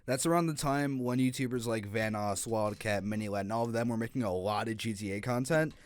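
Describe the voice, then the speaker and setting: A man's voice: fairly low pitch, brisk, clean tone. A man hosting a casual podcast, matter-of-fact and steering the conversation. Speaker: podcast host.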